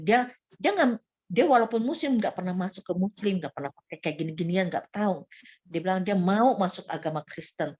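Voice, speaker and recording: A woman recovering from illness, telling her personal faith testimony to a church group with animated retelling of her prayers and frequent restarts. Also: medium pitch, low-quality recording. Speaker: church member giving testimony.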